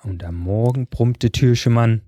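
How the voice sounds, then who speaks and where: Calm male fairy-tale reader, dark tone, dry studio sound. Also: mid-range voice, a little slow, dry recording. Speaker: storyteller.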